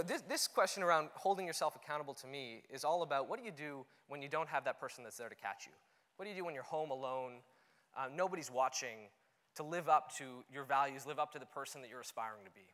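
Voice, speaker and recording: On an auditorium stage, a young Canadian man talks quickly in a fairly high, slightly bright voice. As a conference speaker, he keeps things earnest and conversational with lots of "you know" fillers, captured with long hall reverb.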